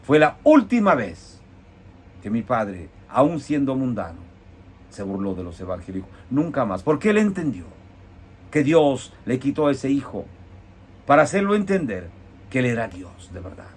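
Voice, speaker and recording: A man preaching a heartfelt personal testimony, his voice dropping low and soft, then rising with emphasis. His delivery swings between hushed storytelling and emphatic declarations, with a faint hiss behind him. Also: sing-song, moderate pace. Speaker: evangelical preacher.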